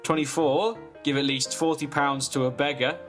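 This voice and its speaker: A man, deadpan in a comedic casual chat as podcast co-host. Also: on the high side, moderate pace, soft background music. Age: 20s. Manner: deadpan, reading a list with asides.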